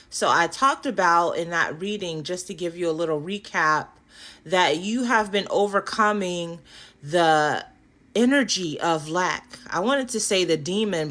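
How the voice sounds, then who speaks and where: A woman doing a spiritual card reading for her viewers, affirming and animated, often checking in with "okay?" and yawning now and then. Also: fairly low pitch. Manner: animated, affirming, frequent "okay?" tag questions. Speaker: tarot and oracle card reader.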